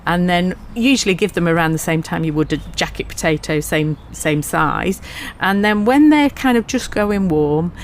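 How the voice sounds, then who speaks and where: A woman's voice: fairly low pitch, lively intonation, moderate pace, slight background noise. A woman co-hosting a casual allotment podcast, chatty and laughing easily. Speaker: podcast co-host. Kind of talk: casual chat.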